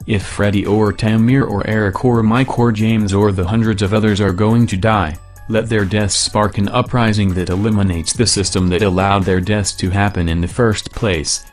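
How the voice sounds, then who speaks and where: A man reading a scripted protest manifesto in a disguised deep voice, solemn and measured, declaiming in repeated phrases. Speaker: anonymous activist spokesman.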